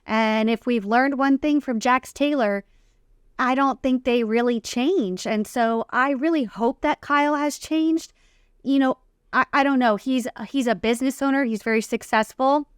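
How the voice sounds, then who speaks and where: Clear, higher-voiced woman giving recap opinions. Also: normal speed, dry recording, clean studio sound. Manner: opinionated, informal slangy phrasing. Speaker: podcast co-host recapping reality TV. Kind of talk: casual chat, opinionated TV commentary.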